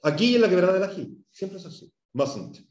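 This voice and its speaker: A man's voice: high voice, expressive, brisk, darkish tone. A man with a Chilean Spanish accent teaching an English class, asking questions and drilling pronunciation. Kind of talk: classroom lesson. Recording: echoey room, mic far off.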